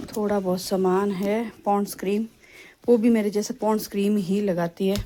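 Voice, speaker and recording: A woman's voice: medium pitch, fairly even intonation, normal speed, warm tone. A middle-aged woman chatting casually to viewers in a home vlog, homely and talkative, often calling out "chaliye ji". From India. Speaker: vlogger.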